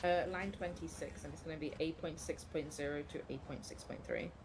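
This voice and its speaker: A woman playing a prosecutor in a courtroom role-play, polite and apologetic, speaking in a halting way. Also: deep voice, steady tone, background noise, close to an everyday voice. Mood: polite, focused. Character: polite female prosecutor questioning a witness. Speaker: role-player. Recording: music behind the voice. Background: music.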